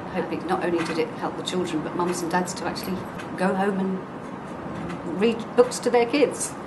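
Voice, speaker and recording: Woman, low voice, interview, reflective, halting restarts, loud background noise. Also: steady tone. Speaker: volunteer story reader.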